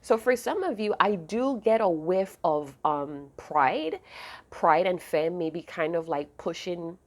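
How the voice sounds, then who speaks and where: Sleepy, low-voiced woman giving a spiritual reading. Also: animated. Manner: soft, unhurried, self-correcting. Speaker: astrology and tarot reader.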